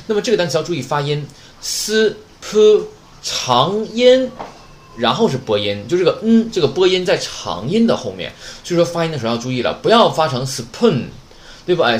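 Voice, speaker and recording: A man's voice: a little high, sing-song, fast talker, hardly any pauses. A man teaching a Japanese vocabulary lesson, chatty and joking, often asking rhetorical questions. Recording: roomy echo, faint background noise.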